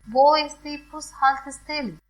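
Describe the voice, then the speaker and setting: A woman language teacher with a high-pitched voice reads short phrases aloud slowly and clearly. She says each one twice so learners can repeat it.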